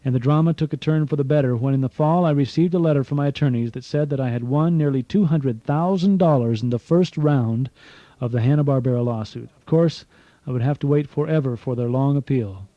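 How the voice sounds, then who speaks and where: A man's voice: mid-range voice, a little fast, mellow, dry recording, dull audio. A man reading his own memoir as an audiobook, telling it earnestly with dry asides, heard from a cassette tape recording. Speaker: author narrating his memoir.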